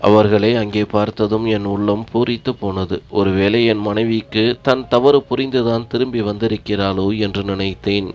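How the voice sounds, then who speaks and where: A man's voice: fairly low pitch, steady tone, moderate pace, few pauses, a little mellow. A man narrating an emotional first-person family story in an earnest, heartfelt way.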